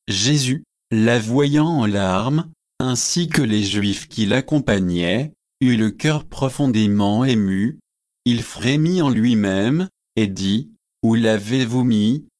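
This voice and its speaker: A man narrates an old religious history in an unhurried, deliberate cadence. His voice sits at an ordinary middle pitch, and he gives each clause its own space. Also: darkish tone. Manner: slow, measured, solemn reading. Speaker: audiobook reader. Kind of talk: scripted narration of a religious book.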